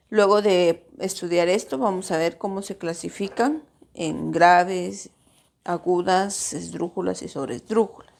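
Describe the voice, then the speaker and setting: A woman's voice: medium pitch, vocal fry, a little mellow. A woman teacher explaining a grammar lesson to her pupils, patiently stretching out syllables to show where the stress falls. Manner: addresses pupils directly.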